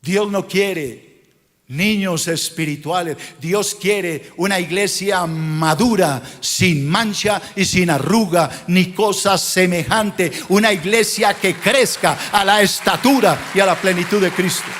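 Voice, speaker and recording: A man's voice: high-pitched, slow pace, a bit bright, in a large hall. A male pastor preaching a sermon, scolding and questioning his congregation in a rhetorical style.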